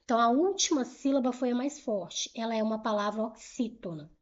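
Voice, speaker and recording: Brisk woman teacher, dull muffled recording. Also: a little high. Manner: didactic, repeats key points and asks rhetorical questions; brisk and urging, pushes the viewer to move on. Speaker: Portuguese grammar teacher. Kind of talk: online exam-prep grammar lesson.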